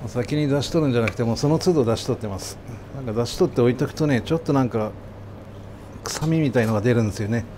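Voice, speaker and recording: A man's voice: mid-range voice, fast. A man working as a chef, talking casually but politely with customers and staff in an exacting, explanatory way. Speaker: sushi chef and restaurant owner. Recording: clear kitchen and restaurant background noise.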